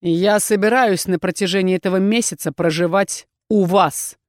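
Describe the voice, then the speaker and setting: A woman's voice: medium pitch, fairly even intonation, moderate pace, dry recording, natural voice. Woman narrator as a cocky, sneering inquisitor lord for an audiobook, insolent and pushy, dry sound. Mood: mocking. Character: arrogant mocking male inquisitor lord.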